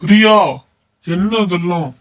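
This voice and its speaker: A man voicing a stern middle-aged uncle in an animated story who questions everyone firmly. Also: on the high side, normal speed, muffled recording, close to an everyday voice. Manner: questioning, firm.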